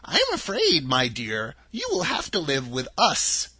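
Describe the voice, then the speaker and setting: A storyteller voicing a kindly little old female witch in a high, gentle, lilting voice for a storybook reading. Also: wildly swooping pitch, unhurried, breathy edge, no room sound, exaggerated voice.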